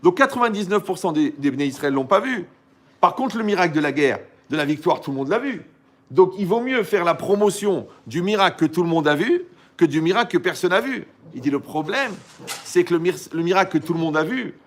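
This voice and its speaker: A man, a rabbi, giving a lively Torah lesson in colloquial, animated storytelling style, often asking his listeners rhetorical questions. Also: sits high.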